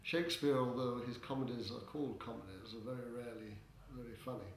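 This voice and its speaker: An older man answering interview questions as a theatre director, in a hesitant, halting way with droll, tongue-in-cheek humour. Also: medium pitch, fairly even intonation. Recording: echoey room with background noise.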